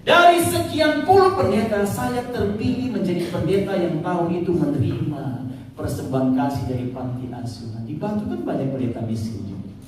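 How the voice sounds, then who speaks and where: A man preaching a sermon with storytelling, animated, jumping high and dropping low as he tells it, now and then singing a line. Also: brisk. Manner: animated, voice leaps high for quoted speech and drops low, breaks into short sung lines. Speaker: pastor. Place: church hall. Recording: very echoey hall, voice from far off, faint room noise.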